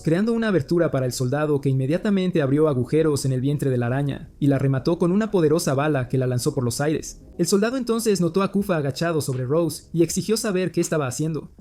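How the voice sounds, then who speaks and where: A man narrating a story recap in a scripted, steady storytelling manner. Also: a little high. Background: faint music.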